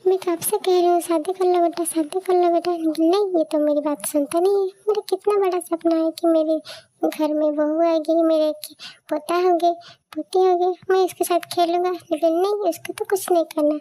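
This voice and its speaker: A woman voicing a fussy middle-aged mother who complains in a soft voice. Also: extremely high pitch, steady tone, normal speed, poor audio. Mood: complaining.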